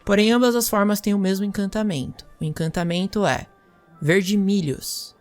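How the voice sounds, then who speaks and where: A woman playing a magic teacher, lecturing students in a measured, explanatory way. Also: medium pitch, a little mellow, faint music behind. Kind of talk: scripted role-play lecture.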